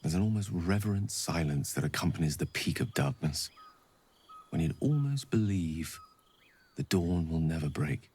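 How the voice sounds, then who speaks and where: A man with a low-pitched, husky voice, animated and at normal speed, acts as an eloquent, learned wizard in a video game. His phrasing is articulate, tender and formal. Soft music plays behind the game audio.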